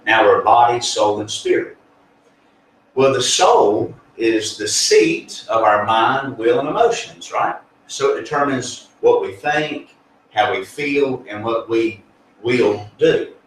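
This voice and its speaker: An earnest male pastor with a mid-range voice offers conversational spiritual teaching, speaking slowly in a folksy way with many fillers and restarts. He sounds distant on the mic in an echoey room, with faint ambience and slight background noise.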